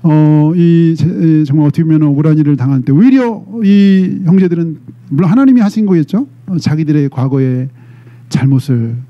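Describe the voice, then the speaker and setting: A man's voice: a little high, animated, normal speed, lo-fi sound. A middle-aged male pastor preaching a sermon, retelling a story dramatically and often prompting the congregation with "eh?".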